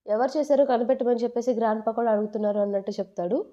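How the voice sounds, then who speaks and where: A woman's voice: a little high, steady tone, racing, dark tone, dull audio. A woman narrating a drama recap in a chatty, casual way, paraphrasing the characters' lines in her own voice.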